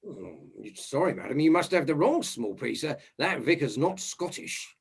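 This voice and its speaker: A man playing a fumbling, halting police inspector. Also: fairly high pitch, lively intonation, breathy edge. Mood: inquiring. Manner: hesitant, halting, polite formal address. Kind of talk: stage murder-mystery acting.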